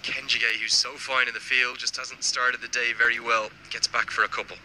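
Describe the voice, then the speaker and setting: Male cricket commentator with a sharp, bright voice, reads viewer messages between deliveries. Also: medium pitch, little pitch movement, moderate pace, slight background noise, rough recording.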